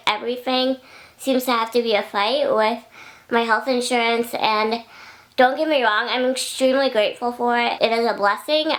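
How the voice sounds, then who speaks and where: Young woman vlogger, high-pitched, talks to camera in a rambling, chatty way that wanders and doubles back. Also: a bit bright. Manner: rambling, chatty, loses her thread and backtracks. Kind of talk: casual vlog talking to camera.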